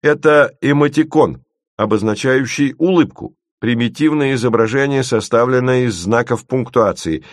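A man's voice: medium pitch, dry recording, studio quality, voice pushed up, close to an everyday voice. A man reading an audiobook, voicing a theatrical know-it-all male colleague who lectures emphatically.

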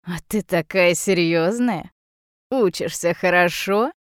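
A woman reading an audiobook, voicing a pushy, creepy middle-aged drunk man who wheedles and yells. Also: fairly low pitch, slow pace, no room sound, clean studio sound, pitched below the performer's own voice. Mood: leering. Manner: leering, wheedling, then yelling.

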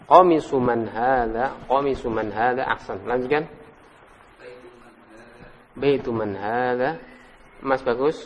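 Reverberant religious teacher drilling students. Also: male voice, mid-range voice, muffled recording, a little hiss or hum. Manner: quizzes students by name, praises answers, repeats drill words slowly. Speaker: Islamic teacher leading an Arabic class. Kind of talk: interactive classroom lesson. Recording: reverberant room recording.

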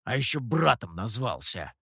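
A man's voice: fairly high pitch, big pitch swings, measured pace, creaky, pushed and bright, dry recording, studio quality, full character voice. Guy doing a cheeky monkey demon in an audiobook, mocking and teasing, bouncy voice. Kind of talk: audiobook character voice.

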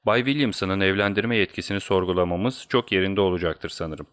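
A man's voice: deep voice, fairly quick, a bit bright. A man voicing a cold commanding detective. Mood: coldly reasoned. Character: cool commanding male detective, calm authority.

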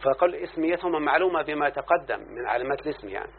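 A man's voice: fairly high pitch, lively intonation, racing. An Egyptian man teaches grammar, explaining verses line by line and checking that his student follows. The sound is tinny and phone-like with a faint hiss behind it. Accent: Egyptian Arabic. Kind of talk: classroom lesson on grammar.

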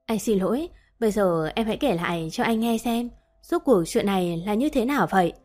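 Woman reading young husband, protective, earnest, soft-spoken, mid-pitched, quiet music bed. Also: animated, fairly quick, natural voice. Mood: tender. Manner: tender, then stern when worried.

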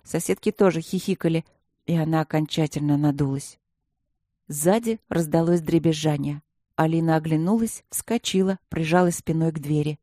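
Woman narrator for a fantasy audiobook, mellow, lively storytelling, dry. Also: sits low, moderate pace, no room sound. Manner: lively storytelling with character voices. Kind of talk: scripted narration.

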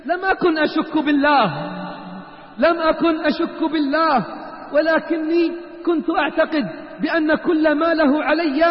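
Guy doing a sick remorseful woman begging, high voice, echoey hall. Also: fairly even intonation, normal speed. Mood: pleading, remorseful. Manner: pleading, repeating lines. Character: gravely ill remorseful woman, weeping patient. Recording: echoey hall, dull lo-fi sound.

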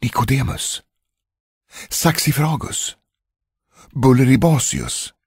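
A man's voice: medium pitch, breathy edge, no echo, studio quality, pitched above the performer's own voice. A man reading a storybook, voicing a desperate young queen who pleads and guesses. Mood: pleading. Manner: pleading, imploring.

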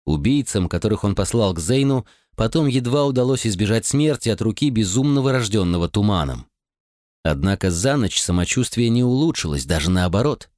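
A man narrating an audiobook in an expressive, dramatic reading. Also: on the low side, fairly quick, no room sound, studio quality. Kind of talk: scripted narration.

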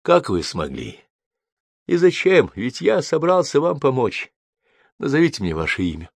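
A male audiobook reader voicing a gentle, forgiving older doctor who speaks tenderly and urges kindly, in a lifted voice above his own low tone. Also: huge pitch swings, moderate pace, gravelly, no room sound, exaggerated voice. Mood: puzzled. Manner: tender, fatherly, gently urging. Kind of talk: audiobook character voice.

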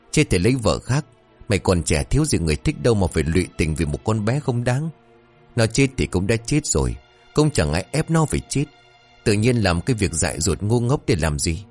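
A man's voice: fairly low pitch, darkish tone. A man doing a harsh scolding mother. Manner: scolding, exasperated. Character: scolding middle-aged mother, proud and harsh.

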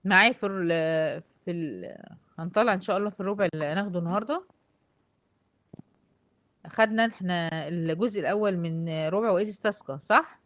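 A woman with an Egyptian Arabic accent teaching a tajweed lesson. She explains step by step, asks and answers her own questions, and slowly draws out the example words. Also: lowish voice, no echo, highs cut off. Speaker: Quran recitation teacher.

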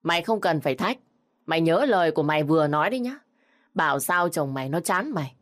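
Harsh, berating old mother-in-law in a storybook, read by a woman with a low voice. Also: lively intonation, fast talker. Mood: scolding. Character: shrill scolding elderly mother-in-law.

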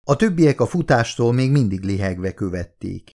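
A man's voice: mid-range voice, lively intonation, creaky, a little mellow. Man narrating an audiobook steadily. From Hungary. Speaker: author reading his own audiobook.

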